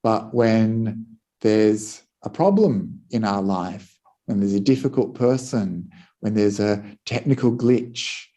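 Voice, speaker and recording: A Buddhist monk giving a dharma talk, telling a teaching story in a calm way. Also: male voice, lowish voice, slow.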